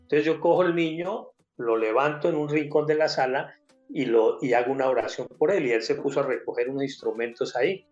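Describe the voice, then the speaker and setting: A man's voice: mid-range voice, brisk, darkish tone, muffled recording, soft background music. An older man with a Colombian accent, giving an emotional personal faith testimony and acting out the people in his story.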